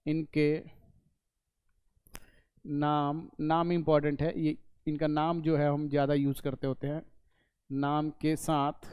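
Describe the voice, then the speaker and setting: A man teaches an English lesson in a slightly high, mellow voice. His tone is smooth and resonant, recorded close in a dry room. He goes step by step, repeating points and answering his own questions. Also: dry recording. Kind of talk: classroom lesson explaining in Hindi.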